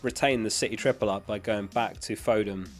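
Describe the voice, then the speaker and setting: Faint music plays behind a livestream host whose lowish, fairly even voice moves briskly as he reads and answers viewer questions matter-of-factly. He's sick, so his voice is starting to give out, and he's recorded on a close dynamic studio microphone.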